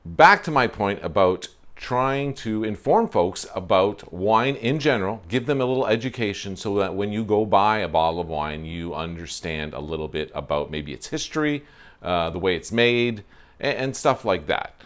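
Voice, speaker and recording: A man from Ontario, Canada, hosts a wine show, talking to camera on an outdoor covered porch through a lapel mic. He's chatty and self-deprecating, with frequent fillers, and his lowish, fairly bright voice has lively intonation at normal speed.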